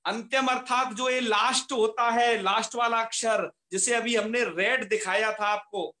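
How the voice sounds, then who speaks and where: A man's voice: high voice, fairly even intonation, normal speed, sharp tone, roomy sound. A man teaching a Sanskrit grammar class, patient, repeating key terms and asking rhetorical questions as he explains. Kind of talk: online class lecture.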